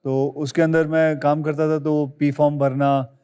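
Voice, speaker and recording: Animated man telling a story, studio reverb. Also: a little slow, smooth. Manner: animated storyteller, rising high when excited. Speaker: guest. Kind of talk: chat show storytelling.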